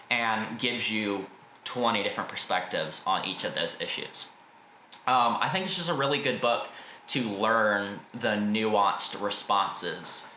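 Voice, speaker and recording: An American video host with a lowish, sharp-toned voice gives a casual, informal book review, full of opinions and some mild swearing. The room echoes a bit, and faint background noise is audible.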